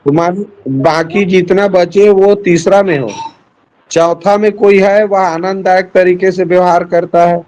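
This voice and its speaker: A man's voice: high-pitched, steady tone, measured pace, a little mellow, poor audio. A middle-aged man teaching a Hindi class, patiently walking his students through answer options one by one. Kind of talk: classroom lesson over a call.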